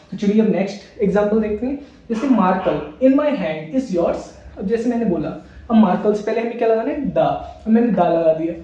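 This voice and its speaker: A man's voice: high-pitched, dark tone. A male teacher giving a grammar lesson, explaining each example through repeated questions and answers. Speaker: English teacher. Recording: echoey, distant, dull room sound.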